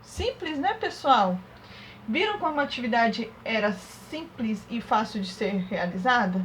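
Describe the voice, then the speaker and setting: A woman teaching a young class remotely, working through exercises step by step and sounding out syllables slowly. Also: on the high side, animated, a bit bright, slight background noise, low-quality recording. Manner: slow, syllable-by-syllable dictation. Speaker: primary school teacher.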